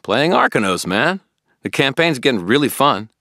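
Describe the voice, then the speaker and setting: Putting on the voice of an eager young man, a man speaks well above his natural low register, his delivery bouncing with life. He presses the point earnestly and insistently, almost pleading, like a pushy friend who refuses to let it go, reading a storybook at a moderate pace in a close, dry recording with no room sound.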